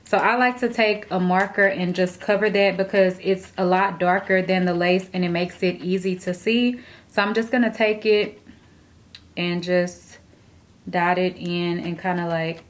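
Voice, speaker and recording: A woman hair vlogger talking viewers through a wig tutorial in a chatty, relaxed way. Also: fairly low pitch. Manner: chatty, relaxed, addresses viewers as dolls and guys. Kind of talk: casual tutorial talk to camera. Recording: roomy echo.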